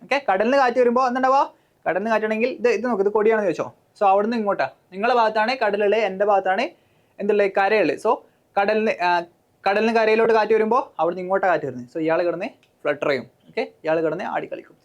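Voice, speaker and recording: A woman's voice: mid-range voice, racing, highs cut off. A woman teacher with a Malayali accent, coaching students for an exam, explaining step by step with frequent "okay" and questions to the class. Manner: mixes English terms into Malayalam.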